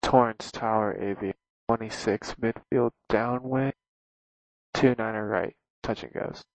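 A man's voice: fairly low pitch, steady tone, slow pace, creaky, no room sound. A man speaking as a pilot over the aircraft radio, giving terse, clipped readbacks in radio phraseology. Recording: dull lo-fi radio transmission.

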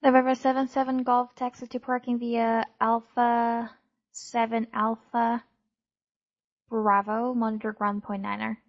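A woman's voice: a little high, a little slow. A woman working as an air traffic controller, giving formal, clipped procedural instructions over an aviation radio. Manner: flat, formal, routine delivery. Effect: aviation radio transmission. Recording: dull, lo-fi radio channel.

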